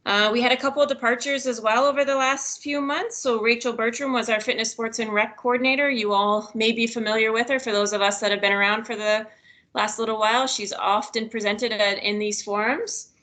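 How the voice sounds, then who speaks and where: A woman's voice: a little high, fairly even intonation, a little fast, a bit bright. A woman giving upbeat staff announcements on a work video call from home. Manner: upbeat, giggly after a mishap. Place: home office.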